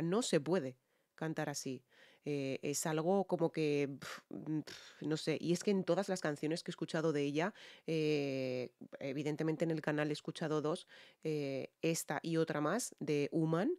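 A woman's voice: sits low, dark tone, no room sound, clean studio sound. A woman from Spain with a Spanish accent, a singer and vocal coach who analyzes a song in a reaction video. She explains as she goes and keeps checking in with her viewers.

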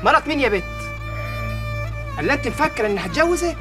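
A man's voice: extremely high pitch, big pitch swings, fast talker. An actor playing a callous young man with an Egyptian accent, talking in a scornful, dismissive way. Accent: Egyptian Arabic. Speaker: film actor. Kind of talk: film melodrama acting. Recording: music score behind. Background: film score music.

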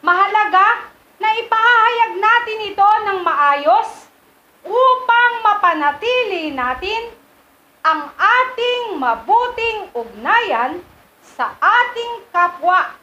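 High voiced woman reading a religious text slowly, roomy muffled sound. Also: animated, sharp tone, a little hiss or hum. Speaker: scripture reader. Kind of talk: reading aloud. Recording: echoey, dull room recording.

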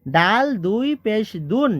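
A Quran reading teacher who spells out each syllable slowly, then chants the whole word in a drawn-out tone. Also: mid-range voice, expressive, fairly bright tone, dry recording, studio quality. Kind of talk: slow letter-by-letter spelling lesson with chanted recitation.

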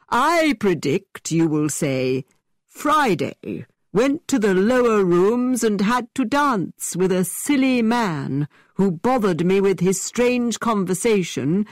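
A woman voicing a witty, playful young gentleman who teases in a mock-theatrical way. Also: medium pitch, no echo, clean studio sound, pitched above the performer's own voice.

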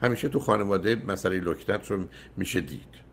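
An older man with a low, gravelly voice hosts a call-in advice show as a radio psychologist. He is emphatic and frequently interrupts with repeated no's.

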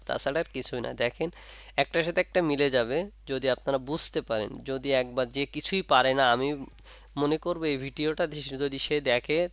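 A man's voice: mid-range voice, fairly bright tone, no echo. A man teaching Quran reading, explaining patiently and demonstrating each sound. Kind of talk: casual spoken lesson.

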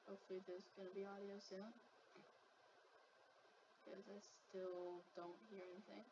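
A woman's voice: medium pitch, little pitch movement, unhurried. Woman host, chatty gamer tour, set back from a dull mic, hissy background. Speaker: channel host. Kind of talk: casual game tour chat. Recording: muffled distant mic with background noise.

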